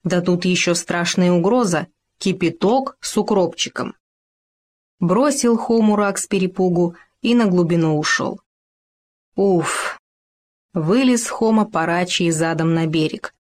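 A woman giving expressive, playful narration of a children's story. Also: lowish voice, normal speed. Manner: lively, playful, animated reading.

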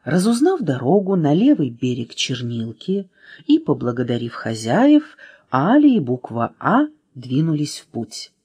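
A woman reading a children's storybook aloud in an expressive way, changing voices for the figures. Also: a little slow, husky. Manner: expressive, changing pitch for drama. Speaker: reader.

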